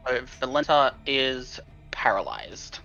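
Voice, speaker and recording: A man's voice: medium pitch, sing-song, takes it slowly, creaky, pushed and bright. A man playing a tabletop game who explains the rules methodically. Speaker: player. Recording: dull sound, faint music.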